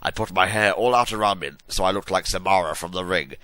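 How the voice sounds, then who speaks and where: A man's voice: low voice, fast, pushed and bright, no echo. A man giving a comic dramatic reading of a story in a hammy, theatrical stage-actor manner with exaggerated emphasis. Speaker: reader of a fan fiction story.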